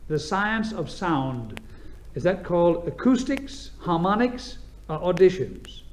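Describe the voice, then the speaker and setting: A man's voice: sits high, very animated, takes it slowly, low-quality recording. A man hosting a radio quiz show, joking and bantering breezily with the contestants. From United States. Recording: old radio broadcast with music and audience. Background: studio audience and music.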